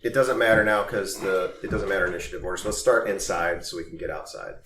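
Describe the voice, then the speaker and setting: A man's voice: low-pitched, quick pace, a bit bright. A man running a tabletop game as dungeon master, loose and joking, with a lot of restarts. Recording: echoey room, mic far off, noisy.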